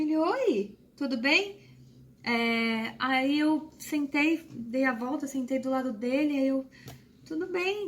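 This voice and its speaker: A woman from Brazil telling a personal spiritual story to camera, soft and hesitant, pausing often and growing emotional. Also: sits high. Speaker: spiritual channel host.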